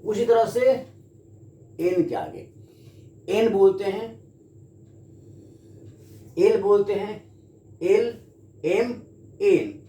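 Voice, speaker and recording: Animated Indian teacher in echoey room. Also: male voice, high voice. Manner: addresses students, asks and answers his own questions. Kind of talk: classroom grammar lesson. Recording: echoey room with faint background noise.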